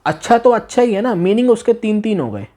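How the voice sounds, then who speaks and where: A man's voice: high-pitched, sing-song, dark tone. Male language teacher, repetitive questioning. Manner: repeats phrases slowly and asks the listener questions; exaggerates tone to demonstrate meaning. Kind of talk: demo class lesson taught in Hindi.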